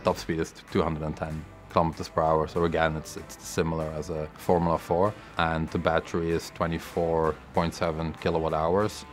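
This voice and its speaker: A man explains the car's technical details in a documentary interview. His voice is very deep and flat, and music plays clearly underneath. He talks matter-of-factly and often repeats a word before going on. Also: normal speed, hardly any pauses. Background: music bed.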